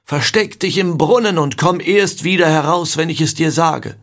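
A man reading aloud and voicing a desperate father who slowly and urgently tells his son to hide. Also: on the high side, fairly bright tone.

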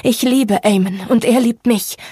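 A woman reading an audiobook, voicing a resolute, guarded young woman in a quiet, firm tone. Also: a little high, measured pace, husky, dry recording, clean studio sound.

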